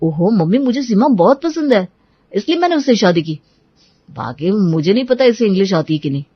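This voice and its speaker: A woman voicing an easygoing young husband in a cartoon, who talks in a soothing, relaxed way. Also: mid-range voice, brisk, husky, no echo, highs cut off.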